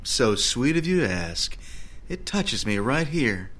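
A man's voice: medium pitch, big pitch swings, slow pace, fairly bright tone, exaggerated voice. A man voicing a grumpy veteran tech repairman with a sarcastic, mocking manner.

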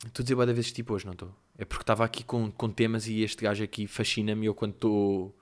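A man's voice: lowish voice, flat delivery, fast. A young man with a European Portuguese accent hosting a casual solo monologue, telling stories in a rambling, slangy, self-mocking way. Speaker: podcast host.

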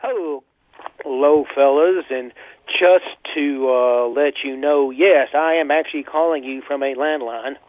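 A man phones in to a talk show over a landline, and his voice comes through tinny and narrow like a phone line. He talks in a rambling, halting way, stopping on fillers as he goes. His voice is mid-pitched and dry, with no room around it. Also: dry recording. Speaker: caller.

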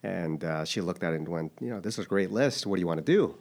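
With a deep, slightly mellow voice, lively intonation and a fast pace, a man in his thirties from a Japanese upbringing answers questions as a casual-interview guest. He's thoughtful and hesitant, restarting often.

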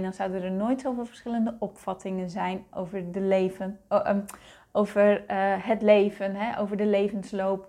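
A woman hosting a solo podcast, talking in a gentle, searching way with many restarts. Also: medium pitch. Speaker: podcast host. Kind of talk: reflective solo podcast talk.

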